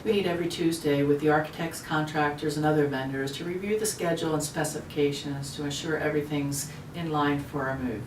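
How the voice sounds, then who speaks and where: A woman's voice: low voice, steady tone, brisk, hardly any pauses. A woman speaking in an orderly, matter-of-fact way as a project manager in a corporate video interview. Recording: roomy, distant mic, background noise.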